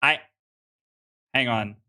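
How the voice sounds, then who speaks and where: Slow and medium-pitched, with a pushed, bright quality, the voice of this late-twenties card game streamer meanders as he chats with viewers mid-game. He keeps restarting his sentences and pokes fun at himself.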